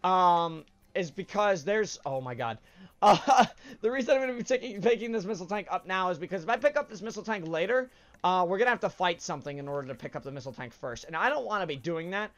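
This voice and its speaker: The let's play host here is a man with a high-pitched, animated voice, a fast delivery, and a somewhat bright quality, captured in a muffled recording. A cold has left his nose stuffed as he rambles casually over the gameplay. Expect a chatty style with frequent uhs and mid-sentence fixes.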